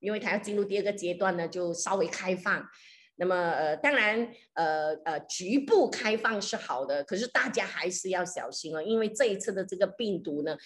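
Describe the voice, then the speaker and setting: A woman's voice: lowish voice, normal speed. A woman pastor preaching and telling a story in a conversational way, with many fillers and some English phrases mixed in. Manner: frequent hesitation fillers. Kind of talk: sermon with storytelling.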